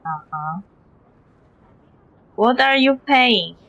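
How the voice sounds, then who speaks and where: A woman's voice: on the high side, expressive, very slow, fairly bright tone, muffled recording. A woman livestreaming a video game, casually and sardonically talking back to the characters and swearing freely. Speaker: streamer reacting to a video game.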